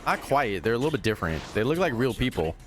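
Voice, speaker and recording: A man's voice: medium pitch, very animated, quick pace, a bit bright, soft background music. A man giving casual, sweary reaction commentary as a streamer, with incredulous asides.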